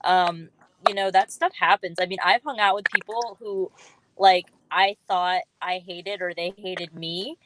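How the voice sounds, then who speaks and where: A woman's voice: fairly low pitch, fairly even intonation, unhurried, noisy background. A woman chatting on a live stream, talking in an easygoing, chatty way. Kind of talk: casual live stream chat. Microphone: live stream setup.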